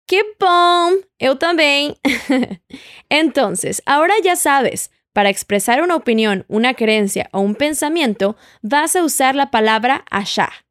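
Speaking a little slowly, a female Portuguese teacher gives an expressive audio language lesson in a slightly high, somewhat bright voice. She patiently keeps prompting the listener to repeat. The sound is close and dry, with no echo or room.

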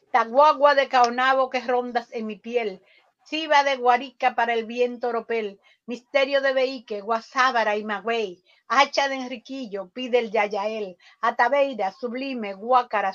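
Woman, higher voice, slow incantatory poetry reading on a dull lo-fi call line. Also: fairly bright tone. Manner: slow, incantatory, dramatic rises on repeated questions. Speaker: poetry reader. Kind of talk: slow dramatic poetry recitation. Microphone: video call. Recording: dull lo-fi online call audio.

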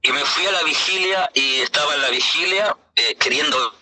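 A middle-aged man, a pastor, telling his personal faith testimony in an earnest, halting way with many hesitations. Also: a little high, bright, forceful tone, a little hiss or hum, rough recording.

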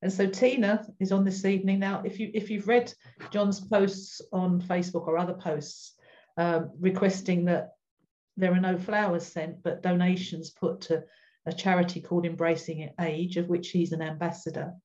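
A woman's voice: fairly low pitch, flat delivery, normal speed, darkish tone, muffled recording. A woman hosting informally and introducing a guest. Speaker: host of an online gathering.

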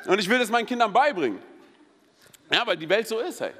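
A man in his thirties preaching a sermon in a church, energetic and joking, telling personal stories with many interjections. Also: sits high, quick pace. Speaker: pastor. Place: church hall. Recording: long hall reverb.

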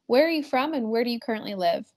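A woman hosting a podcast, reading an introduction and asking interview questions in a friendly, measured way. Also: a little high, expressive, darkish tone, no room sound, studio quality. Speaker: podcast host.

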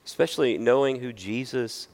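A man's voice: medium pitch, moderate pace, darkish tone. A man preaching a sermon as pastor, earnest and putting questions to his listeners.

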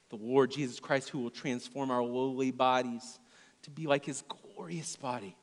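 An earnest male pastor with a fairly high voice preaches a church sermon, the sound carrying a long reverb tail. He swings from loud emphasis to hushed, almost whispered lines.

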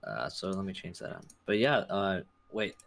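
A man with a fairly low voice reacts eagerly in a casual album chat, blunt and quick to swear. Faint noise sits under the recording. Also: very animated, gravelly, a bit bright. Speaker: podcast co-host.

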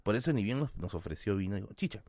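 A man with a Lima Peruvian accent, a podcast host telling a self-mocking anecdote in a casual, animated way. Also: fairly low pitch, quick pace, no echo. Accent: Peruvian Spanish, Lima.

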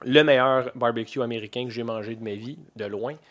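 A man's voice: medium pitch, fairly even intonation, fairly quick, a bit bright. A man in his forties with a Québécois accent, hosting a podcast in a loose, chatty way full of fillers and restarts. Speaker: podcast host. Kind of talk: casual podcast chat.

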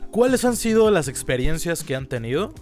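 A man's voice: a little high, sing-song, brisk, over music. A man with a Mexican accent co-hosting a casual chat, mixing English phrases into his Spanish. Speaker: podcast co-host.

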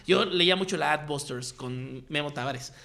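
Slangy Mexican man, gravelly and bright. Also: fairly high pitch, normal speed. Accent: Mexican Spanish. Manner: slangy, animated, acts out quoted voices. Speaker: guest telling his story. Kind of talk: casual storytelling chat.

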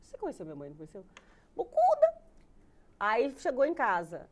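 Uma mulher conversando de forma descontraída, contando uma história com muita animação e imitando falas. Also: female voice, mid-range voice, racing. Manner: animated storytelling, acts out quotes. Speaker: guest mother. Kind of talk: casual chat.

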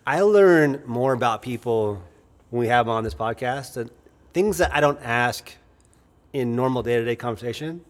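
A man's voice: mid-range voice, lively intonation, normal speed. A man hosting a podcast in casual chat, rambling and often restarting his sentences. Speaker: podcast host.

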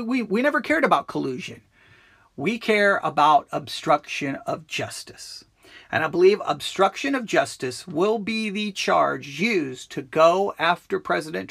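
A man's voice: sits high, a bit bright. A man hosting a live political commentary broadcast, earnest and often restarting his phrases.

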